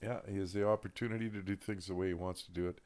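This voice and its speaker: A man with a very low voice joins a casual hockey chat. He mostly chimes in with short agreement and now and then lays out a fuller opinion. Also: steady tone, very fast, a little mellow. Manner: short agreeing replies, occasional longer takes. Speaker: podcast co-host.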